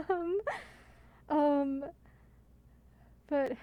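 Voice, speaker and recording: A woman livestreamer chatting casually over a game and reading viewer comments, expressive, giggly and rambling. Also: high-pitched, extremely slow, muffled recording. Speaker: livestreamer playing and voicing a game.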